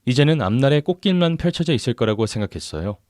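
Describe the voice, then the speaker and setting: A man's voice: mid-range voice, big pitch swings, fast, a little mellow, no echo, clean studio sound. A man reading a listener's story aloud in scripted narration.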